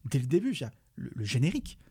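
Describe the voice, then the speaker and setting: Husky, lively French man. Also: mid-range voice, very fast. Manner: animated, sarcastic, exclamatory. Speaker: film critic on a podcast. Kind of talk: casual chat.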